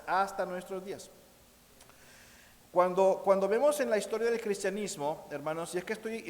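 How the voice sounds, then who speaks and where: A man with a Mexican accent preaching a sermon as pastor, lively and emphatic, often calling out to the brothers. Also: high voice, big-room sound. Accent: Mexican Spanish. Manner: animated preaching, repeats "hermanos míos", acts out quotes. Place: church sanctuary.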